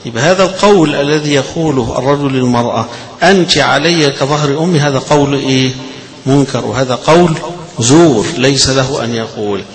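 A man with an Egyptian Arabic accent teaching a religious lesson on Quran readings and their meaning, moving between chatty explanation and slow, drawn-out recitation. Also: mid-range voice, crowd noise, low-quality recording.

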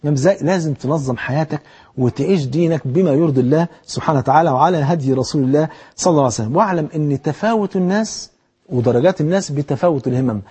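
Fast-talking husky Egyptian preacher. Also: male voice, on the high side. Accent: Egyptian Arabic. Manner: animated and exhortative, with rhetorical questions to the listener. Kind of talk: colloquial religious sermon.

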